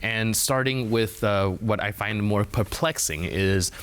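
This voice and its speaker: A man with a fairly low voice hosting a news interview show. He reads his lines smoothly, then asks long, rambling questions full of "uh" and restarts. Studio microphone. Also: unhurried, fairly bright tone. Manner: hesitant, fillers and restarts when asking questions.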